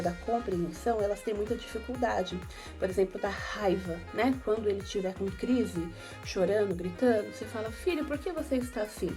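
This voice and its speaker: A woman with a Brazilian Portuguese accent, a mother and neuropsychopedagogue, giving parents advice in an informal, conversational way and often adding tag questions. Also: medium pitch. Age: adult mother of young children. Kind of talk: informal educational talk to parents.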